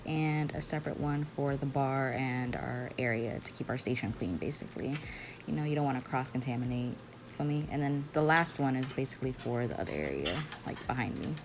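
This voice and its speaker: A woman's voice: low voice, background noise. A young woman narrating a casual vlog as a barista, chatty and slangy, often joking about herself. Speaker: barista vlogger.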